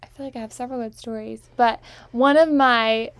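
A young adult woman hosts a relaxed, conversational chat in a voice a little higher than most. She tells anecdotes in a chatty, informal way. The sound is dry, with very little room in it. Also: brisk, smooth, no echo. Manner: chatty, anecdotal storytelling with frequent small laughs. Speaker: host. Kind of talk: casual chat.

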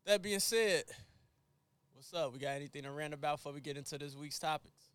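A man hosting a podcast and leading the chat, relaxed, trailing off quietly and often saying "man". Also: a little high, rapid-fire, smooth, no room sound. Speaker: podcast host. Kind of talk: casual chat.

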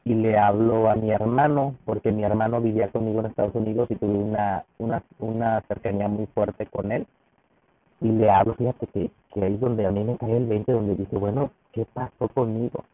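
A man's voice: on the low side, steady tone, moderate pace, dry recording. A man with a Mexican accent tells a personal story in a casual interview, often restarting his sentences and acting out what others said. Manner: frequent restarts, acts out quoted dialogue. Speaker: podcast guest. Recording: tinny phone-like dry sound.

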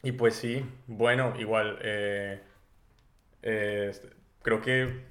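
A man hosting a casual podcast chat, animated and laughing often as he tells stories. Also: fairly low pitch, very slow, reverberant. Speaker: podcast host.

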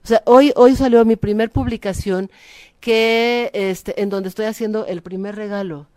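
A woman's voice: mid-range voice, fairly even intonation, normal speed, dark tone, no room sound, clean studio sound. A woman, a guest chatting casually on a web radio show, full of fillers and tag questions. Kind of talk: casual chat.

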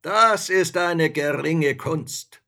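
A man voicing a huge, arrogant male spirit from a bottle in a storybook reading, with drawn-out, booming shouts. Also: exaggerated voice. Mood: threatening.

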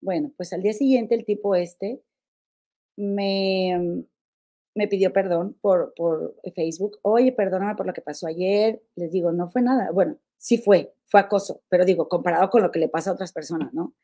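Mexican woman telling a story, warm tone. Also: on the low side, normal speed. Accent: Mexican Spanish. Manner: confiding, animated, many fillers and repeats. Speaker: podcast host. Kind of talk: casual storytelling to listeners.

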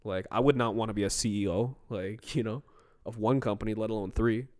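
A man's voice: fairly low pitch, steady tone, fairly quick, darkish tone, no echo, studio quality. A man in casual podcast chat, laid-back and slangy, often saying bro.

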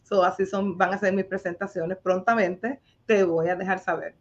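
A woman's voice: mid-range voice, steady tone, normal speed, highs cut off. A woman singer being interviewed as a guest, chatting in a grateful, friendly way. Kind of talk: casual interview chat.

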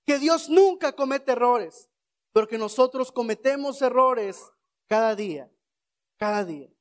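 Male preacher, high voice, unhurried, call-and-response sermon. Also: expressive. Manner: rhetorical questions, leads the congregation in shouted responses.

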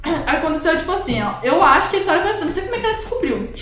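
A young woman from Brazil telling a personal story in casual chat, rambling and animated, quoting dialogue as she goes. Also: extremely high pitch, very fast, faint music behind. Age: young adult. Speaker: guest. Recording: very echoey room.

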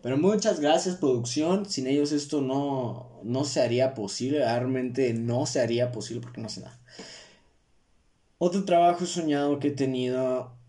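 A man's voice: medium pitch, normal speed, warm tone. Young Mexican male podcast host, casual joking monologue, self-deprecating, slang-heavy. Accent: Mexican Spanish.

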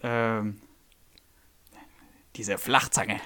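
A man's voice: lowish voice, steady tone, very slow, sharp tone. A young man from Germany co-hosting a casual podcast, tired and irritable after work, ranting and swearing as he acts out customers. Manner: worked-up, swearing, acts out customers in quoted voices. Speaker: podcast co-host.

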